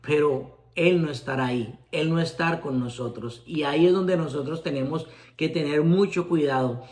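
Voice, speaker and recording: Man preaching a sermon, kinda high voice, earnest, keeps repeating stuff for emphasis. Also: normal speed, darkish tone. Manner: earnest, repetitive emphasis, addresses listeners directly.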